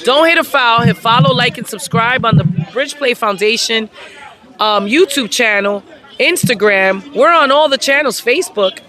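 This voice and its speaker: A woman calling a softball game play by play from outdoors at the field, excitable and hyping each play with shouts. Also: a little high, normal speed. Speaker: play-by-play commentator. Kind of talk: amateur sports commentary.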